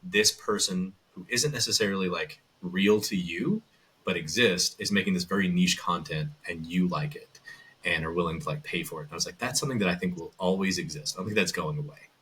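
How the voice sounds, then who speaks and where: A Southern American voice actor and audiobook narrator tells his story as a guest in a casual chat, rambling loosely and restarting often. His voice is low, brisk, a bit bright, and slightly rough.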